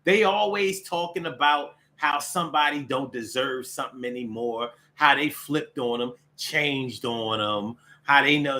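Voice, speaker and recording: With a medium-pitched voice and sharp tone, this American solo show host rolls through a casual, opinionated monologue. He talks in streetwise slang and hammers points home by repeating phrases.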